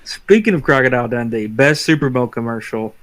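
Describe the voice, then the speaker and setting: A man co-hosting a casual podcast, reading out trivia questions and answer options slowly and deliberately. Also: mid-range voice, lively intonation, dry recording, rough recording. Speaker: podcast co-host running a trivia quiz.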